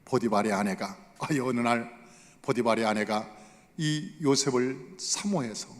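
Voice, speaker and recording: A male pastor preaching a sermon, telling a story with dramatic swings from soft to loud. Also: medium pitch, measured pace. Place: church sanctuary. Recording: long hall reverb.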